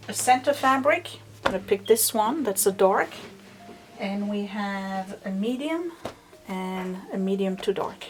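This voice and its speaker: A woman's voice: medium pitch, a little hiss or hum. A woman hosting a quilting series, talking casually and wandering into self-deprecating asides as she explains. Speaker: host of a quilting video series. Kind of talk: casual tutorial chat.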